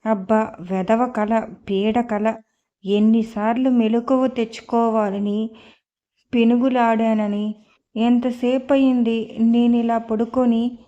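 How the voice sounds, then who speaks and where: A woman's voice: on the high side, little pitch movement, slow pace, mellow. A woman voicing a frightened young woman, weak and pleading, in a storybook reading. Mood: relieved. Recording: slightly muffled lo-fi.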